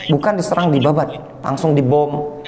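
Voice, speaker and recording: A man's voice: fairly high pitch, normal speed, dark tone. A middle-aged man teaching a mosque lesson, talking conversationally and asking his listeners rhetorical questions. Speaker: Islamic preacher. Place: mosque hall. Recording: echoey mosque hall with faint noise.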